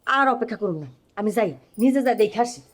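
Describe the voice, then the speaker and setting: A woman's voice: a little high, fast talker. A woman in a television drama musing aloud to herself, heard from away from the microphone. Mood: puzzled.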